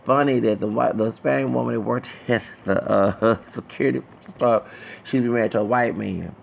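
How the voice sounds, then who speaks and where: Gravelly man rambling to viewers. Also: mid-range voice, normal speed, slight background noise. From Texas, USA. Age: 30s. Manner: digressive, repeats himself, talks to viewers directly. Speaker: vlogger. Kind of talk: casual rambling commentary.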